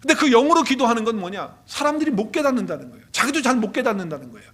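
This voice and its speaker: A male pastor with a high voice delivers a Sunday sermon in a church sanctuary. He talks emphatically, repeating key phrases and asking the congregation questions. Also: very animated, very fast, fairly bright tone.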